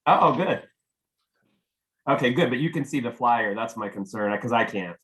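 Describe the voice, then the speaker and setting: A man, a little hoarse, chatting casually while setting up a video call as host. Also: mid-range voice, expressive, moderate pace, fairly bright tone, low-quality recording. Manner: chatty, easygoing, mutters while working. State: losing his voice. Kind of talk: casual Zoom tech check. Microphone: computer mic on video call.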